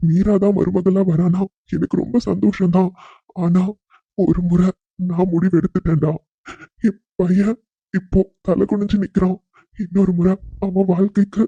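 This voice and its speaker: A man voicing a thoughtful middle-aged father in a cartoon, speaking gently and in a measured way to his son. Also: high voice, slightly rough, no room sound, highs cut off. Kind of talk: cartoon voice acting.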